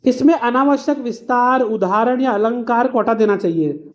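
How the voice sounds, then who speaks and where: A woman's voice: on the high side, normal speed, highs cut off. A woman teacher giving an exam revision lesson, explaining patiently with simple everyday examples and calling her students "beta".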